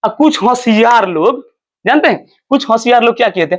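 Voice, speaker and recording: A man teaching a story lesson in an animated way, checking understanding with repeated questions and acting out the characters' cries. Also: very high-pitched, moderate pace. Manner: acts out characters' cries in quoted lines.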